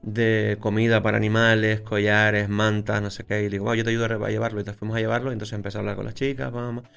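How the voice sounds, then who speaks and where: A photographer, telling stories in a casual interview and acting out scenes with sound words. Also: male voice, lowish voice, quick pace, vocal fry, clear, resonant tone, faint music behind. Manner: lively storyteller, acts out scenes with sound words. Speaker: photographer guest.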